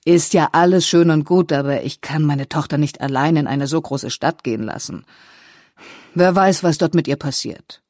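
A narrator voicing a gruff old Italian father. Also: medium pitch, normal speed, darkish tone, no room sound, studio quality, lightly acted. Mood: worried. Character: gruff older Italian father, café owner, warm-hearted.

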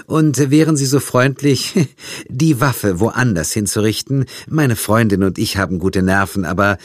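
A man's voice: on the low side, measured pace, no room sound, studio quality, voice pushed up. A man voicing a politely ironic female assistant in an audiobook. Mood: wry. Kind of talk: audiobook character voice.

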